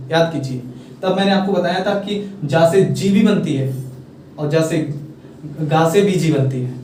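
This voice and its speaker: A man with a fairly high voice teaches pronunciation, repeating each question and nudging viewers to answer in the comments. He sounds far from the mic in a strongly echoing room, with faint ambience behind him. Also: a little mellow, a little hiss or hum. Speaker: English teacher. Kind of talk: casual classroom lesson. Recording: very echoey room, mic at a distance.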